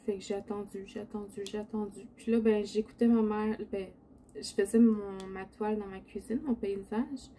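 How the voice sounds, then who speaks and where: Mellow Quebec woman with a sleepy morning voice. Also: mid-range voice, fairly even intonation, moderate pace, a little hiss or hum. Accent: Quebec French. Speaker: diamond painting video host. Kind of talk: casual chat while crafting. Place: indoor home craft setup.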